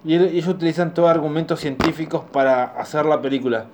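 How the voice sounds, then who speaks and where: A young man with a Rioplatense Spanish accent co-hosting a casual podcast, speaking quietly in a low-key, dry way. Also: fairly even intonation, fast, noisy background. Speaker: podcast co-host. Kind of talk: casual chat.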